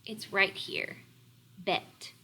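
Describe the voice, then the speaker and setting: An elementary teacher, a woman, leads a read-aloud lesson for young children and explains words deliberately and instructionally. Her tone is sharp.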